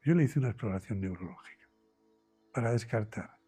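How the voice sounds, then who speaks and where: Spanish doctor, dark husky storytelling voice. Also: male voice, medium pitch, a little fast, faint music behind. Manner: animated storyteller, acts out dialogue in quoted voices. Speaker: doctor telling his own experience. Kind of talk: storytelling in an interview.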